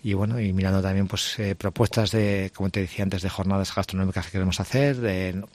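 Man, very low voice, dry sound, halting, restarting phrases, radio guest. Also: steady tone, darkish tone, dry recording. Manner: hesitant, frequent restarts and fillers. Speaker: restaurant owner. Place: radio studio.

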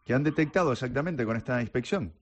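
A man's voice: mid-range voice, animated, fast, lo-fi sound. Conversational male radio host. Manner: conversational, asks questions with fillers. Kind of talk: radio talk show hosting.

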